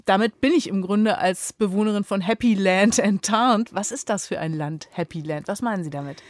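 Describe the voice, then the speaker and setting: German woman interviewer, mid pitch, dry close mic, composed articulate questions. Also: normal speed, no room sound. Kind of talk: radio-style interview questions.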